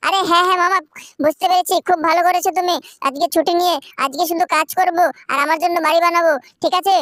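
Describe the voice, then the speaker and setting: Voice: very high-pitched, steady tone, fast, pushed and bright, no room sound, clean studio sound. A performer voicing the cheeky little boy Shinchan in a playful, pleading way during a game video.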